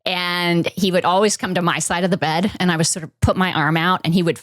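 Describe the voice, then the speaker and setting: Soft-spoken woman telling a family story. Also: fairly low pitch, little pitch movement, no room sound, studio quality. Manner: reflective, halting, many fillers. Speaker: podcast guest. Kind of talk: personal storytelling in an interview.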